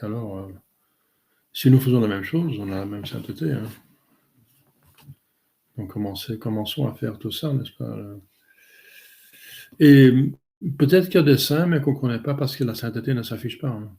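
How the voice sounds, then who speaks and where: A man, a priest giving a catechism talk and answering questions in a halting way with many fillers. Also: medium pitch, gravelly, mellow.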